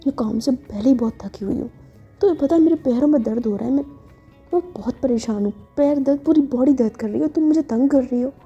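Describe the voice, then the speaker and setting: A flustered young woman, as a female narrator plays her protests and scolds, worn out and fed up. Her voice is mellow and breathy, sitting a little high. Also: fast, lo-fi sound, soft background music. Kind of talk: story read-aloud with character lines.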